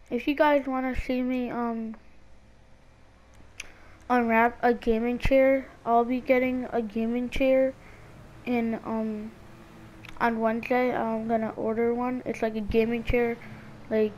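A school-age gaming video creator gives casual gameplay commentary, hesitant and rambling, repeating words, his speech hindered by a split lip. His voice is mid-range and a little mellow. The recording is low quality, with slight background noise.

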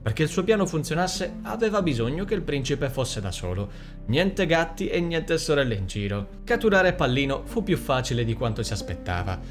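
Lively male audiobook narrator. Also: fairly high pitch, moderate pace, faint music behind. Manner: expressive storytelling. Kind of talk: scripted narration.

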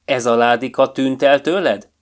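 A man voicing a male lion, king of the animals, in a storybook tale, with a firm, booming voice. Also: fairly even intonation, lightly acted. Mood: commanding.

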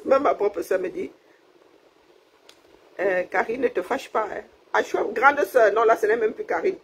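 A woman's voice: on the high side, expressive, unhurried, pauses often, slight background noise, rough recording. A woman from Cameroon, chatting casually on a livestream, laughing often and thanking her viewers. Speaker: livestream host. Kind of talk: casual live chat with viewers.

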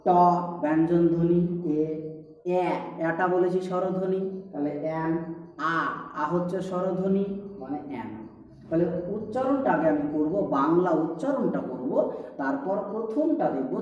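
A man's voice: high voice, expressive, normal speed, a little mellow. A man teaching a lesson, patiently repeating key points and asking his students rhetorical questions. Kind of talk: explaining a lesson. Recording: echoey, distant, dull-sounding room recording.

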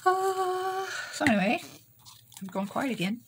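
A woman's voice: on the low side, animated, moderate pace, a little hiss or hum. A woman hosting a crafting video, chatting casually and talking herself through her work. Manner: chatty, talks to herself while working. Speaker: crafting channel host. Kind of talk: casual crafting vlog chat.

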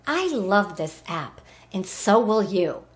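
A woman's voice: medium pitch, sing-song, slow pace. A woman giving a bubbly, enthusiastic scripted product demo of a phone app. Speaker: product presenter.

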